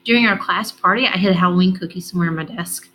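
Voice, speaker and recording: A woman reading the part of an excitable, goofy schoolboy who rambles insistently. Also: lowish voice, rapid-fire, close to an everyday voice, low-quality recording.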